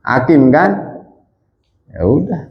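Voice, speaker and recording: A male ustadz giving a mosque sermon in a conversational way, calling the men Pak and reciting Arabic texts slowly. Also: very animated, highs cut off, slight background noise. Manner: wide swings in pitch and volume.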